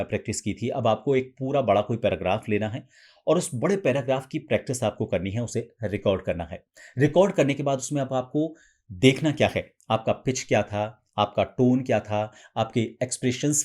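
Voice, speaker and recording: A man with an ordinary mid-range voice teaches voice practice in a calm, methodical way. He walks through each day's exercise and sometimes lifts his pitch to model a lighter, softer delivery. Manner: patient, step-by-step explaining, demonstrates lines in a raised feminine pitch. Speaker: voice coach. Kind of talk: instructional explanation.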